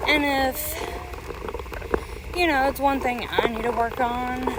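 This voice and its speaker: A woman's voice: high voice, slow. A woman podcaster talking casually and unscripted, musing aloud as she walks. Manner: musing aloud while walking. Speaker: podcast host and mother. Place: outdoors on a local walk. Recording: outdoor walking recording, loud ambient noise. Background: crunching dry leaves underfoot, outdoor noise.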